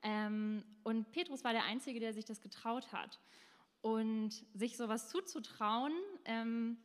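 A young adult woman giving a casual devotional talk, chatty, with many fillers and slang. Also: on the high side. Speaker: speaker of a short devotional talk. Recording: long reverb in a hall.

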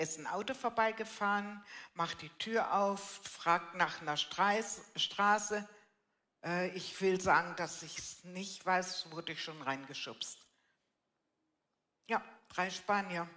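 A woman's voice: fairly low pitch, sharp tone. An older woman with a blunt, colloquial manner, telling her life story in a casual interview and often tagging her sentences with "ne". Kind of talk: personal testimony in a casual interview. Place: live church event with audience.

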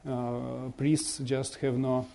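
Halting Russian-accented man, mellow voice. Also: mid-range voice, level tone, creaky, slight background noise. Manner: halting, searching for words in non-native English. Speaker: bishop giving a guest presentation. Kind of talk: informal slideshow talk to an audience.

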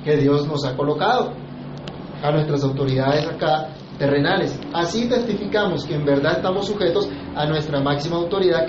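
A man, preaching a sermon. His voice sits a little high, and he keeps turning to the listeners with rhetorical questions. The room is echoey and the sound slightly muffled. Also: noisy background. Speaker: pastor.

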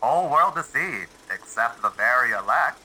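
A man doing an old-time newsreel announcer voice to read headlines aloud, in a slow, sing-song delivery. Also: medium pitch, lively intonation, pushed and bright, husky, exaggerated voice, poor audio. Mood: mock-grand. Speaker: podcast co-host.

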